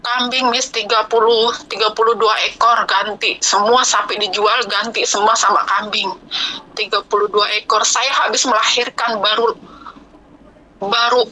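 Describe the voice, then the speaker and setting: A woman's voice: fairly high pitch, steady tone, moderate pace, a crowd in the background, low-quality recording. A woman from Indonesia calling in to pour out her life story, rambling and repeating herself. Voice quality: rambling, repeats herself, ends phrases with "Miss". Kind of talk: emotional confessional call.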